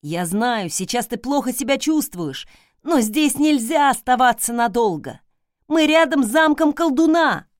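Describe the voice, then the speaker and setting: A woman playing a doting young man in an audiobook, loud and bright with eager emotion. His voice climbs high and pushes forward. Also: animated, a little slow, dry recording, clean studio sound. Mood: urgent. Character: devoted young man, emotional and clingy lover.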